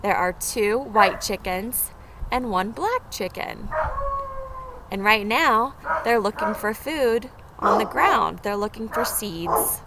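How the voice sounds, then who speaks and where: A woman teacher with a mid-range voice and lively intonation reads a storybook aloud slowly, chatting with small children through simple phrases and questions. Background noise is clearly audible in the recording.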